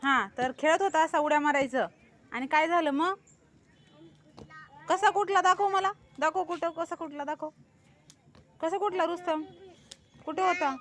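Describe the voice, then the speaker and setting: A woman's voice: extremely high pitch, measured pace, long pauses, fairly bright tone. A woman teacher coaxing young pupils with patient questions in a school classroom.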